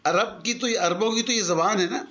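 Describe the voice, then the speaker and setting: Patiently explaining Arabic grammar with examples, an older man mixes in English words during a conversational lesson. His voice sits high and sounds a bit bright, captured in a dull lo-fi recording.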